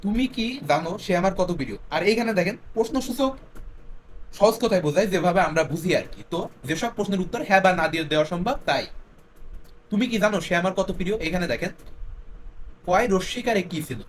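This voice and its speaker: A man teaching a grammar lesson. He explains step by step, slips English words in, and repeats his example sentences slowly. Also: high voice, animated, slight background noise.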